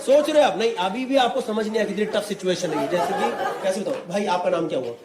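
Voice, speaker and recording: High-voiced male stand-up comic before a laughing crowd. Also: fast talker. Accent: Delhi NCR Hindi. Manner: animated storytelling, mixing Hindi and English, acting out voices. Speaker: stand-up comedian. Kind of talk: stand-up comedy set. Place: live comedy venue with audience. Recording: echoey room, crowd laughter, background noise. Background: audience laughter.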